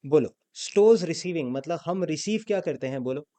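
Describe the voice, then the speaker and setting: Animated and fairly quick, this man's mellow, slightly high voice carries an accounting lesson. He quizzes the class and prompts spoken answers call-and-response style, weaving English terms into his Hindi.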